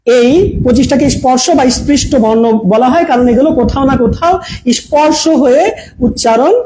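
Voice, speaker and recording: A man's voice: extremely high pitch, brisk, background noise. A man teaching an online grammar class in front of a projector. He repeats key points, keeps asking his viewers questions, and mixes English words into his speech. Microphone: camera mic.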